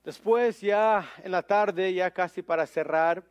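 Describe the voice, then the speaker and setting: A man's voice: sits high, takes it slowly, smooth. A man preaching a sermon, telling a story conversationally with many fillers and English words mixed in.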